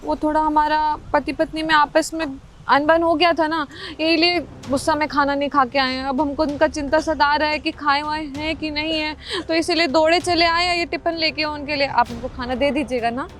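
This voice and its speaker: A woman's voice: high-pitched, steady tone, a little fast, a bit bright. A woman playing an anxious, devoted young wife who keeps coaxing her husband to eat. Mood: pleading. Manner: pleading, coaxing. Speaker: actor in a comedy skit.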